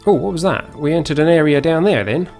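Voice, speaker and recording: This Essex man speaks with a southern English accent, giving loose, off-the-cuff commentary on his live game stream and frequently talking under his breath as he plays. His voice sits fairly high, a touch fast, creaky and somewhat dark in tone, with faint music behind him.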